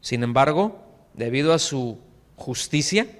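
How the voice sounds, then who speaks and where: A man with a Mexican accent preaching a sermon as pastor, lively, acting out quoted voices and putting questions to his congregation. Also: medium pitch, a little slow. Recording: long church reverb.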